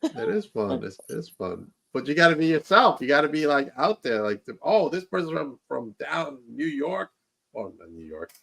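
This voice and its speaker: A man hosting a podcast interview, answering with quick okays and all-rights and often repeating himself. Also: fairly high pitch, very animated, vocal fry, a bit bright. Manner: short affirmations, repeats himself, laughs along. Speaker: podcast host. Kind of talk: casual interview.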